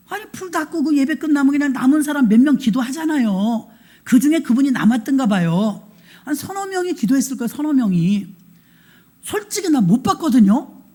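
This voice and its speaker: A middle-aged woman pastor telling stories in a sermon, acting out the dialogue in quoted voices and moving between hushed asides and emphatic appeals. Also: high-pitched, slightly rough. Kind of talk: storytelling sermon.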